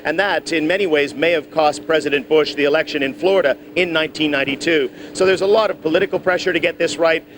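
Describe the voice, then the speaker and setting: Speaking quickly with few pauses in a voice on the high side, a man delivers a live, unscripted news report outdoors. He explains things as he goes and corrects himself, and the outdoor location recording has clear noise.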